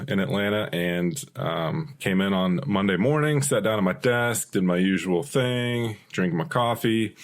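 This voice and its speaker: A man co-hosting a podcast, laid-back, telling a story in casual chat. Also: on the low side. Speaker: podcast co-host.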